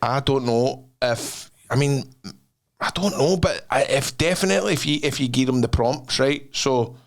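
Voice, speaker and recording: A Scottish man hosting a podcast, telling stories in animated, sweary slang and casual banter. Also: medium pitch, normal speed, vocal fry. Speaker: podcast host.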